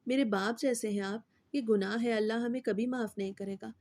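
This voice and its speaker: A woman reads out a scared young girl, begging and tearful. The voice stays mellow and low in brightness, close to the reader's own tone. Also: steady tone, no echo, close to an everyday voice. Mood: pleading. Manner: pleading, tearful. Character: frightened teenage girl, pleading.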